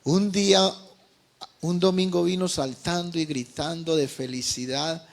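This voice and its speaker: A Colombian man preaching as a pastor, telling a testimony with passion, moving between quiet and loud. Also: fairly high pitch, unhurried. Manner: impassioned, swings from quiet to loud. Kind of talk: sermon testimony.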